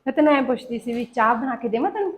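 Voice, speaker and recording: An actress playing a polite, pleading young daughter-in-law in a homemade family drama. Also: female voice, on the high side, expressive, rapid-fire, close to an everyday voice. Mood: calm. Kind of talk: amateur family drama acting.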